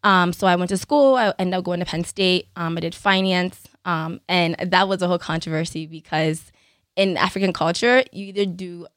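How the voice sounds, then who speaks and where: Podcast guest: young woman from Cameroon, lowish pitch, lively and laughing, close dry studio sound. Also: normal speed, no room sound. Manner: animated, laughs often, tag questions. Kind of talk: podcast interview, telling her story.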